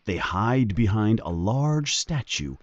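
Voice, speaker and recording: Slow, lively storybook narrator, a man. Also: on the low side, highs cut off. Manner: expressive, unhurried. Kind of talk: storybook read-aloud.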